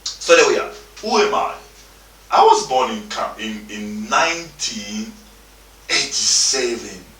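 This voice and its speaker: A man in his thirties delivers a motivational talk in emphatic, repetitive English. His voice is bright and forceful, and it rises and falls widely. He sounds a little distant in an echoey room, with faint music underneath. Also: lowish voice, sing-song, takes it slowly. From Democratic Republic of the Congo. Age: 30s. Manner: emphatic, repeats himself, informal non-native English phrasing. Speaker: motivational speaker.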